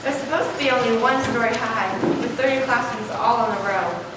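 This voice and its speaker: A young adolescent girl reads scripted narration as the student narrator in a school readers theater play, her voice on the high side, fairly quick and lightly acted. The recording is noisy, distant and echoey, captured from the stage.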